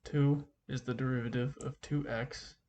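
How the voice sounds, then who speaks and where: A man speaking through a face mask, giving an informal calculus lesson in a halting way, thinking aloud as he goes. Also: medium pitch, fairly even intonation, a little mellow. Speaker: math teacher.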